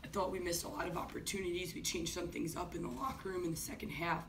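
Woman coach, postgame press answers, low flat voice, rapid, far from the mic, faint hiss. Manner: quick, steady, many ums. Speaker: head coach. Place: office-like room, indoors. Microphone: far camera.

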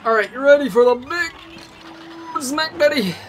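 An excitable gamer narrating play, voice bright and sharp with lively swings in pitch. Faint game music plays behind the commentary. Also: normal speed. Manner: excitable, exclaims often while playing. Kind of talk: gameplay commentary.

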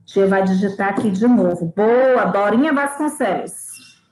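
A woman from Brazil, an English teacher in a live online lesson for children, slowly repeating words for them to copy and calling herself auntie. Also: medium pitch, darkish tone, reverberant, rough recording. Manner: slow, drawn-out repetition of words for children to copy; calls herself auntie and reads out viewers' names. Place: home kitchen.

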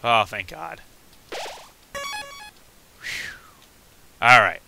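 A man giving excitable, chatty gameplay commentary, reacting aloud as he plays. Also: mid-range voice, extremely slow, gravelly, noisy background. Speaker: let's play gamer.

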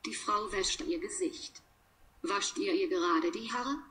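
A woman reading example sentences for a language lesson, one by one, in a measured, deliberate way with pauses between them. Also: medium pitch, fairly bright tone. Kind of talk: slow read-aloud of example sentences.

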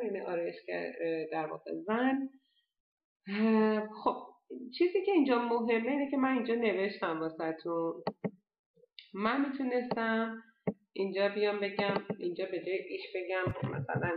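A woman teaching a language lesson, explaining step by step and saying the foreign words slowly and carefully. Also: medium pitch, vocal fry. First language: Persian. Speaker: German teacher. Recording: dull lo-fi echoey room.

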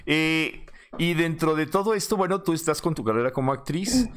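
An older man, a magazine director, interviewing a guest over a video call, asking long rambling questions with loud laughs. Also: a little high, expressive, moderate pace.

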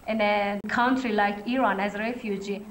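A woman from Afghanistan, a journalist and NGO director, answering slowly and haltingly over a video conference. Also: mid-range voice, fairly even intonation, a little hiss or hum. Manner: halting, with many pauses. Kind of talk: speaking over a video link. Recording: echoey video-call audio over room speakers.

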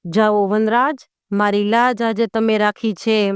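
A woman voicing a calm, fearless warrior king who speaks in a commanding way in a folk tale. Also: mid-range voice, a little slow, clean tone, no echo, studio quality, close to an everyday voice.

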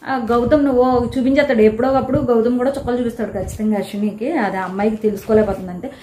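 A woman giving a casual, animated recap of a reality show episode, telling who quarreled with whom. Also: a little high, very fast, a little hiss or hum. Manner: chatty, animated retelling of quarrels. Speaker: show reviewer. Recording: echoey room.

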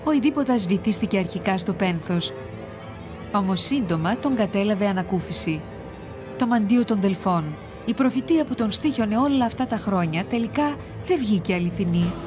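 A woman narrates an ancient myth for a children's series in a steady, measured storytelling voice. Her pitch sits in the middle range, and soft music plays quietly behind her.

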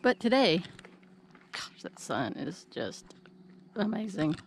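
A middle-aged woman vlogger talks casually to a handheld camera held at arm's length while climbing a wooded hillside trail, somewhat out of breath and musing aloud in short phrases. Her voice is on the low side with big pitch swings and a slow pace, and the outdoor trail sound carries clear background noise.

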